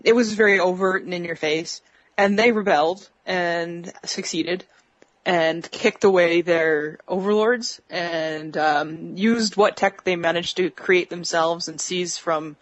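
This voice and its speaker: Woman interview guest, low voice, calling in from her bedroom over a breaking-up phone connection with dull lo-fi sound, hesitant with many fillers. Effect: bad connection on a phone video call, breaking up. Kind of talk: answering questions in an interview. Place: bedroom at home. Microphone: video call app on a phone. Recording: lo-fi phone call audio.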